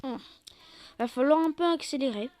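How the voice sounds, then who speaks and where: A woman hosting a card-collecting channel, reviewing a new set in casual commentary, exclamatory, playful and self-mocking, sometimes loud and then dropping to soft asides. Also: high-pitched, animated, slow.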